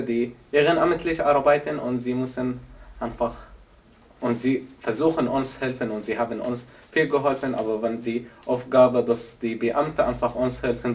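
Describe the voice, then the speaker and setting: A man talking in German that is not his first language, halting and questioning in a conversational interview. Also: mid-range voice. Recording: distant mic with faint ambience.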